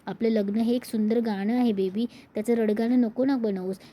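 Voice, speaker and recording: A lovestruck young husband pleads and explains himself to the whole family, read aloud by a woman narrator. The voice stays mellow and dark, slightly high. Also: fairly even intonation, moderate pace, lightly acted. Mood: earnest. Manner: pleading, affectionate. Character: earnest young husband, affectionate and apologetic.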